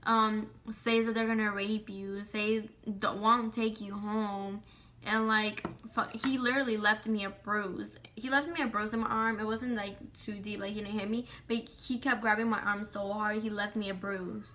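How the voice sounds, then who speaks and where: Woman vlogger, bright clear voice, casual storytime, swears a lot, acts out quotes. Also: medium pitch, a little hiss or hum. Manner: profane, rapid, animated retelling with quoted dialogue.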